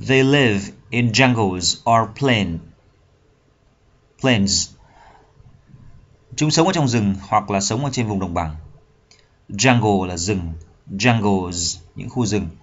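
Slow, low-voiced Vietnamese teacher. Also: male voice, husky, dull audio. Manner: reads English slowly then explains in Vietnamese; repeats words to drill pronunciation. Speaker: English teacher. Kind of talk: bilingual vocabulary lesson.

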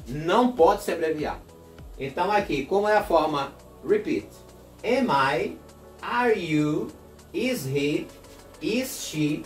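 Brazilian male teacher, slow deliberate drills, slightly raised pitch, echoey classroom. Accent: Brazilian Portuguese. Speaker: English teacher. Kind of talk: classroom lesson. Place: classroom with a board.

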